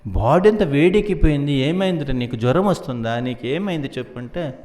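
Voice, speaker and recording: A man's voice: a little high, animated, fairly quick, a little mellow, natural voice. A man voicing a worried, fussing mother who scolds and coaxes her son. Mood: worried scolding. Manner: scolding and coaxing.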